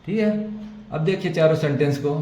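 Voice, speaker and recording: A man teaching an English vocabulary lesson with an Indian accent, explaining slowly and repeating points, mixing Hindi with English words. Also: on the high side. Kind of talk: screen-share vocabulary lesson. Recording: echoey room with faint ambient noise.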